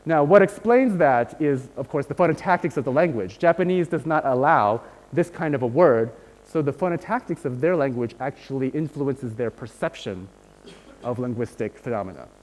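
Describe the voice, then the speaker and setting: A man's voice: mid-range voice, animated, moderate pace, a little mellow. A male linguistics lecturer giving a university lecture, explaining patiently and checking in with his students. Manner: explains patiently, checks in often with "right?" and "okay?". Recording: long hall reverb.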